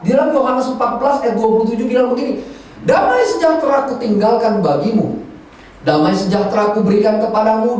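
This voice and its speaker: A male pastor preaching a sermon, telling stories in a lively, colloquial way. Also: very high-pitched. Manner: animated storytelling, colloquial Jakarta slang. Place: church hall. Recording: distant echoey church hall recording.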